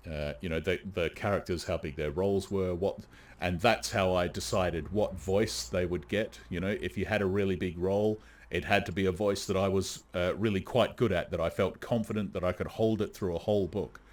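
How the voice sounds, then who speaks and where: A man's voice: low voice, fairly even intonation, moderate pace. A man from Australia, an audiobook narrator, chatting casually and self-deprecatingly on a live stream.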